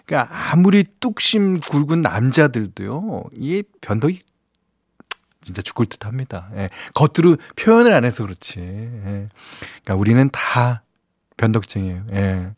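Male radio host, mid-pitched, conversational patter, studio mic. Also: very animated, moderate pace, dry recording. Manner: chatty and conversational, with frequent affirming asides. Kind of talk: radio show chat reading listener messages. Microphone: studio microphone, close and dry.

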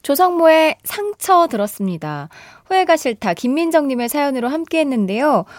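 Lively, chatty woman radio DJ. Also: high-pitched, normal speed, dry recording, clean studio sound. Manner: chatty and animated, laughs often. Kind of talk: radio show chat, reading listener messages. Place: radio studio. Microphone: close studio mic.

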